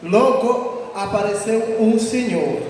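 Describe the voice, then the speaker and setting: A man from Mozambique with a Mozambican Portuguese accent, a missionary preacher telling his testimony with animated laughter and exclamations. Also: high voice, slow pace, noisy background. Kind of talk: sermon testimony. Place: large echoey church hall. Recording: echoey hall, distant mic.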